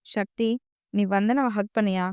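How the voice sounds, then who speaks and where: A woman's voice: medium pitch, steady tone, measured pace, a little mellow, clear, resonant tone, no echo, studio quality, natural voice. A woman voicing a stern mother who insistently questions her son in an audio novel.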